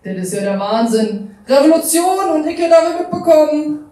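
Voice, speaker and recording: A cruel doorkeeper of hell gloats over the suffering, played by a woman at a live reading. The voice is mellow in tone and rings through a big echoey hall, recorded from far off. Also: sits high, animated, normal speed, pitched above the performer's own voice. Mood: gleeful. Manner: relishing, sadistic.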